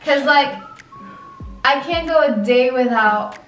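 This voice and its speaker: With a high, fairly bright voice and a slow pace, a woman in her twenties chats on a vlog as a co-host fielding questions, rambling with plenty of "like" and restarts. The recording has roomy echo, distant miking and music underneath.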